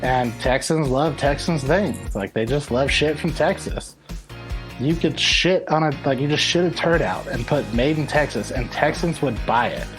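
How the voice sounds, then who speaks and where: A man from a brewery, telling a story in a profane, animated way. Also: medium pitch, moderate pace, over music. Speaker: brewery guest. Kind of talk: casual storytelling.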